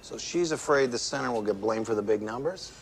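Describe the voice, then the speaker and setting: A man's voice: medium pitch, expressive, fairly quick, a little hiss or hum, natural voice, low-quality recording. An actor playing a blunt, probing male investigator in film dialogue.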